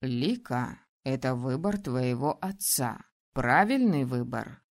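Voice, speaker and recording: A woman voicing a young male ruler in an audiobook, teasing and domineering, speaking low, slow and calm. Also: exaggerated voice. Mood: stern. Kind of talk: audiobook character voice.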